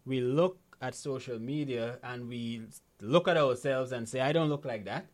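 A man from Guyana, appearing as a guest financial literacy coach, speaks in a mid-range voice at a moderate pace. In this conversational interview he tells stories in an animated way, often tagging his points with "right?" to check in.

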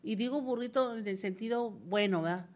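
A woman's voice: medium pitch, normal speed, darkish tone. A woman preaching a sermon in a fervent, rising manner, often repeating words for emphasis. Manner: fervent, builds to emphatic repetition.

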